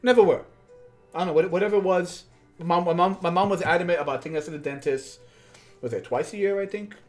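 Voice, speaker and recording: A man's voice: sits high, quick pace. Chatty man rambling while crafting. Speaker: craft streamer. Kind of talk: casual build-along chat. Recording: faint background music.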